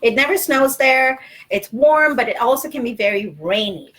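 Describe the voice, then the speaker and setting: A woman's voice: a little high, lively intonation, normal speed, fairly bright tone. Sri Lankan-born mother teaching her kids. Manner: patient, asks kids questions. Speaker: parent hosting a livestream lesson. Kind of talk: casual teaching chat with children. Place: small city apartment.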